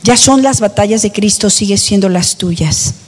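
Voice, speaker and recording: A woman's voice: medium pitch, moderate pace, slightly rough, big-room sound. A woman preaching a sermon, emphatic, with rhetorical questions to the congregation.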